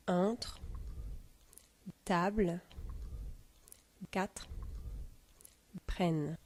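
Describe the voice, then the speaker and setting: A woman reading a pronunciation lesson, dictating definitions and word examples in a measured way. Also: mid-range voice, mellow.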